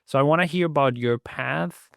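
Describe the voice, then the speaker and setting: A man hosting an academic podcast, asking polite and slightly halting questions. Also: a little high, creaky, fairly bright tone, dry recording, studio quality. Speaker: podcast host. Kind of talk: academic interview.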